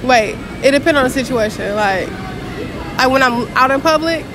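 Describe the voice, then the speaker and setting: High-voiced young woman, casual. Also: moderate pace, crowd noise, background noise. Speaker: interviewee. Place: indoor shopping mall.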